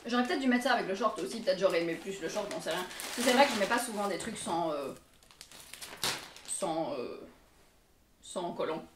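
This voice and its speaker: A woman's voice: medium pitch, lively intonation, fairly quick, long pauses, noisy background. A young woman with a Belgian French accent chatting casually and self-mockingly through a clothing try-on, laughing often. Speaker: fashion vlogger. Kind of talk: casual try-on haul chat. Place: bedroom with mirror. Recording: echoey room, mic at a distance.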